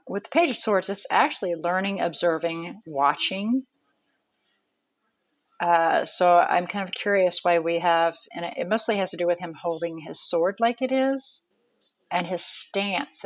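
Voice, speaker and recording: A woman's voice: fairly low pitch, no room sound, low-quality recording. A woman reading tarot cards aloud in a casual, chatty way, thinking aloud with many ums and restarts. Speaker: tarot reader.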